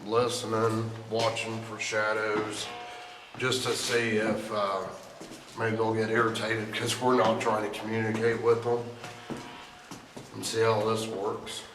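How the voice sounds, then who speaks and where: A man investigating an abandoned infirmary, talking low and casual as he walks the halls. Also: completely flat delivery, unhurried, far from the mic. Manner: hushed, low-key talk in the dark. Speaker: paranormal investigator. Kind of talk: casual on-site ghost hunt commentary. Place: large old abandoned infirmary, indoors. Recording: echoey hallways with hiss.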